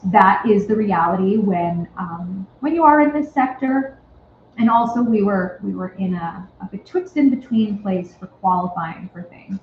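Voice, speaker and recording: A woman's voice: mid-range voice, measured pace, a little hiss or hum. A woman on a festival board giving a casual presentation at an annual meeting, chatty and wry, with lots of ums and likes. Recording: echoey, phone-like tinny sound.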